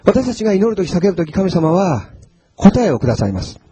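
A man preaching a sermon as a pastor, telling Bible stories in an animated way and acting out the quotes. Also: sits high, a little fast.

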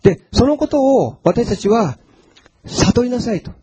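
A man preaching a sermon as a pastor, telling Bible stories in an animated way and acting out the quotes. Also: extremely high pitch, measured pace, slightly rough.

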